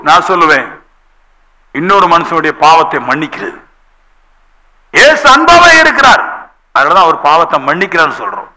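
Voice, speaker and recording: A man preaches a sermon as a pastor, his voice pitched very high with a sharp, piercing edge. He tells stories with animated delivery, slipping into the voices of the people in them. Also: poor audio. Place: church.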